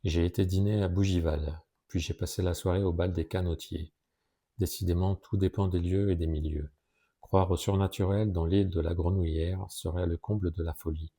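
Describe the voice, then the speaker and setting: A man narrating a classic story in a measured, even way. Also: low voice, slightly rough. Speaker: audiobook narrator.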